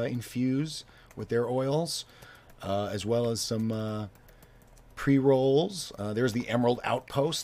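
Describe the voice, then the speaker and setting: A man co-hosting a casual chat show, talking haltingly with many fillers and restarts. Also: mid-range voice. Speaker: co-host.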